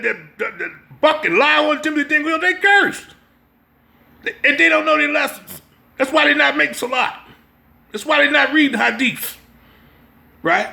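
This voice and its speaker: A very high, gravelly male voice with a bright, forceful tone leads an off-the-cuff sermon that includes a short reading. This American religious teacher urges and exhorts emphatically, often pausing to make sure people follow him.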